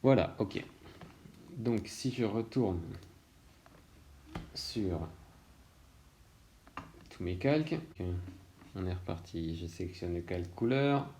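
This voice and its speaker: Low, mellow-voiced man explaining. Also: slow, long pauses, a little hiss or hum. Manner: relaxed, thinking aloud with many hesitations. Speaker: illustrator teaching software. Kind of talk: screen-recorded tutorial.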